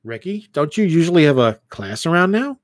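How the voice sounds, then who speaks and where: A man's voice: on the high side, sing-song, a little fast, no room sound, studio quality. A man doing an offhand young desk clerk.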